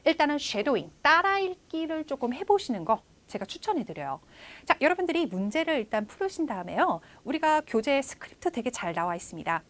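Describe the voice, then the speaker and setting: A woman in her thirties delivers an online test-prep lecture in a fairly high voice. Her pitch rises and falls a lot as she talks to her viewers directly. She opens many phrases with a drawn-out "so". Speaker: English test instructor.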